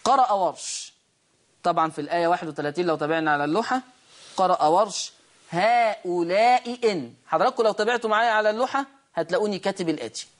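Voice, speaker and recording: A woman with an Egyptian accent teaching Quran recitation rules, asking questions and answering them herself, and reading quoted verses slowly. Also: fairly low pitch, expressive. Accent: Egyptian Arabic. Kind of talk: online recitation lesson.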